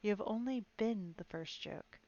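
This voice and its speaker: A woman's voice: mid-range voice, moderate pace, mellow, muffled recording, natural voice. Aslan, a grave lion king read by a woman. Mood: solemn. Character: wise, solemn male lion king.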